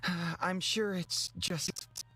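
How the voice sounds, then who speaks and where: Husky, hesitant young man voiced by a woman. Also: fairly low pitch, fairly even intonation, slow pace, sharp tone, soft background music, heavily acted. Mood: hesitant, resigned. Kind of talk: video game character read aloud.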